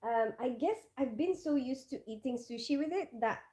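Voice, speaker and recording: High-pitched, animated and warm, this woman's voice moves at a moderate pace. As a vlogger holding a casual live chat, she peppers her talk with fillers and asides while reading viewer comments.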